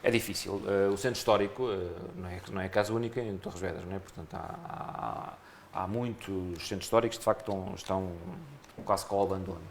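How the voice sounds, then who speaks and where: Man, European Portuguese accent, low pitch, rapid speech, earnest, restarts phrases, radio interview, faint background noise. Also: fairly even intonation. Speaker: municipal election candidate.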